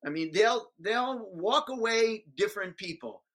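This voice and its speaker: An older guest in their seventies with a bright, forceful voice. They talk like a practised public speaker, slowing down on key words and then swelling in volume to make a point. The delivery stays animated and emphatic. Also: medium pitch, rough recording. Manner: emphatic, speechmaker's rhythm with sudden loud rises and slow stresses. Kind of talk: animated interview storytelling.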